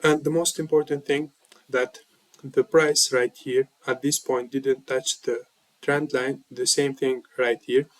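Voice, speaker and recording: A man's voice: mid-range voice, level tone, measured pace, no room sound, poor audio. A man with a slightly sick voice, walking viewers through a trading chart lesson and checking in with a repeated "okay?". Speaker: trading mentor.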